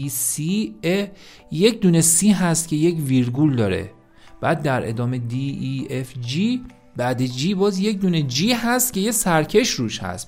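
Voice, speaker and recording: A man with a slightly high, gravelly voice teaches an online language lesson, upbeat and encouraging. He speaks straight to his students and stresses key points by saying them again and again. Faint music plays underneath. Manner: energetic, addresses students as "kids", repeats words for emphasis.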